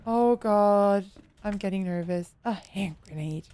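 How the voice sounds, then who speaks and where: A woman's voice: mid-range voice, unhurried, mellow, a little hiss or hum. A young woman streaming a horror game, chatting casually, swearing and yelping when startled. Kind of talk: casual live gameplay chatter.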